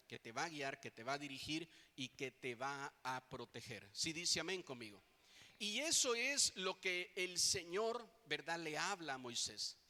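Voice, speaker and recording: High, bright-voiced preacher in an echoey church. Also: male voice. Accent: Mexican Spanish. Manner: preaching with rhetorical questions, tag "¿verdad?". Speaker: pastor. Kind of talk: sermon. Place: church hall.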